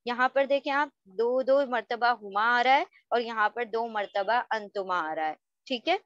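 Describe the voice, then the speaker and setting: A woman's voice: a little high, moderate pace, a bit bright, no echo. A woman teaching an Arabic grammar lesson, patiently drilling word tables aloud for students to repeat and often checking that they follow. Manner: checks understanding with frequent rhetorical questions. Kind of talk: online language lesson. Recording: dull, lo-fi dry recording.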